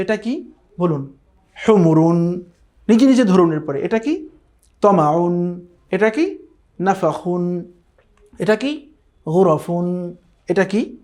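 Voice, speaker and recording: A man teaching a Quran reading class, patiently drilling pronunciation and slowly chanting short verses. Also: sits high, darkish tone. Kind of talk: recorded online lesson.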